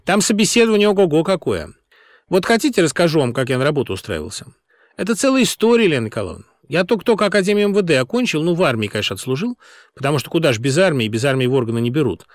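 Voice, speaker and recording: A man's voice: fairly high pitch, sing-song, racing, dry recording, studio quality, voice pushed up. A man voicing a young male chauffeur who cheerfully needles his boss with feigned innocence. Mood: teasing. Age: young adult.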